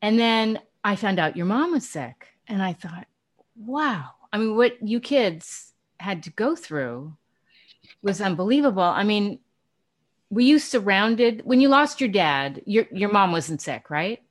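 A woman's voice: mid-range voice, big pitch swings, unhurried. A woman hosting a radio show, talking conversationally as she interviews a guest.

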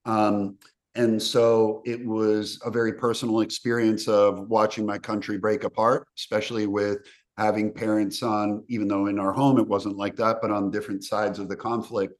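A man's voice: lowish voice, level tone, normal speed. A man from the former Yugoslavia, a film director, answering interview questions in an earnest, reflective, run-on manner.

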